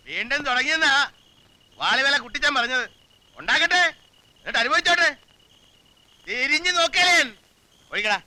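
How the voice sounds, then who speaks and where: An actor playing a stern, scolding older father who mocks his family with gruff, sarcastic remarks in a film comedy scene. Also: very high-pitched, sharp tone, dry recording, full character voice, low-quality recording. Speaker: family patriarch.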